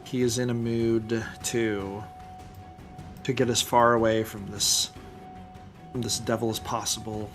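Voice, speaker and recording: A man's voice: fairly low pitch, little pitch movement, a little slow, long pauses, soft background music. A man playing a tabletop game, describing what his character does.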